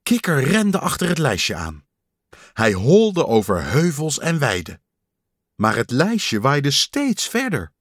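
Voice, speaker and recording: A man reading a children's story aloud in a slow, expressive storybook manner. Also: medium pitch, no echo, studio quality.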